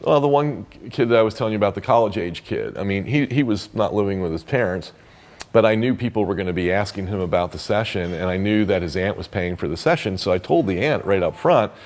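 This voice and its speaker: A man explains therapy methods in a relaxed, off-the-cuff teaching style. His voice sits on the lower side, and he keeps circling back with fillers and restarts as he works out his point. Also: quick pace. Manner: conversational, loose, full of fillers and restarts. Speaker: therapy trainer. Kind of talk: casual teaching talk.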